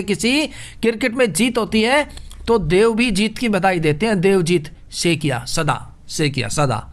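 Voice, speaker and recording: A man teaching a current affairs quiz lesson, joking through memory tricks and calling his listeners brother. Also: sits high. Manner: playful, jokey mnemonics, addresses listeners as brother. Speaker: exam coaching teacher.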